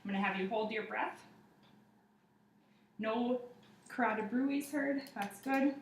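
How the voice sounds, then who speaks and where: A woman's voice: a little high, measured pace. A young adult woman giving a step-by-step spoken demonstration of a clinical exam, narrating each finding as a student would. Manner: procedural, step-by-step narration to a patient and observer. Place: living room, indoors. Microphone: camera across the room. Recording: roomy, distant camera mic, faint noise.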